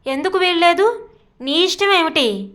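A woman's voice: very high voice, expressive, fairly bright tone, voice pushed up, heavily acted. Woman voicing a teasing young college girl. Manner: teasing, stubborn, quick retorts.

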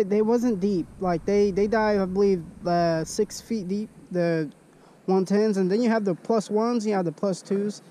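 A young man with a high, mellow voice talks to camera while fishing from a kayak. He speaks slowly and easily, hyped about the catch, with faint wind and water noise behind him. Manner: hyped, talks to viewers as guys. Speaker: fishing vlogger. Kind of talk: casual chat to camera. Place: outdoors on a kayak on a lake. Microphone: action camera.

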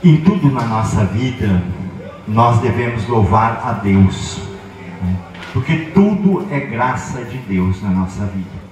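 Slow-paced priest over echoing PA. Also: male voice, on the low side, expressive, darkish tone. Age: middle-aged. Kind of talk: spoken blessing and prayer at an event. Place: open-sided tent at outdoor cattle auction. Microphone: handheld microphone through PA. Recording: echoey PA system, distant, faint music.

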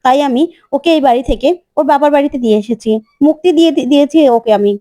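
A woman's voice: high voice, quick pace, mellow, dry recording, natural voice. A woman voicing a distraught grown son. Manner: pleading, emotional.

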